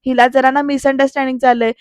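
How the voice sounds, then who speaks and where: A woman voicing a young husband who makes quick, defensive excuses. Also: high-pitched, level tone, a little mellow, no echo, clean studio sound, natural voice.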